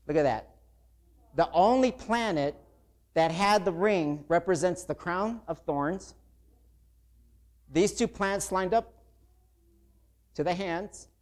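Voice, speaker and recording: A man's voice: high-pitched, slow, long pauses. A man preaching a sermon to a congregation, talking casually and growing emotional and intense.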